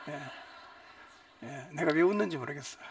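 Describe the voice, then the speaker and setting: A male pastor giving a Bible lecture at a church retreat, animated, swinging between loud outbursts and quiet asides. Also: a little high, distant mic, noisy background.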